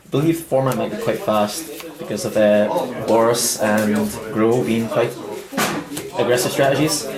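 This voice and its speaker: A man hosting a casual walkthrough in a busy game store at a midnight event, talking in a halting, stop-start way. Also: on the low side, steady tone. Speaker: host opening card packs. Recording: echoey room with crowd chatter.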